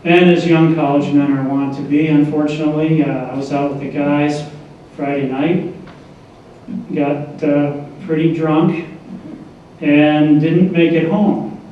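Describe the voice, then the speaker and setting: An older man giving a memorial tribute to his mother, speaking haltingly with pauses and fillers. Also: a little high, little pitch movement, dark tone, slight background noise. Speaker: son giving a eulogy. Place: large echoing hall. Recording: echoey lo-fi hall recording from far off.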